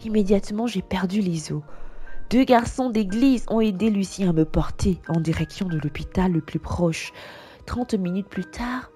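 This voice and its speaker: Woman, first-person story narration, earnest, mellow tone, faint background music. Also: mid-range voice, moderate pace.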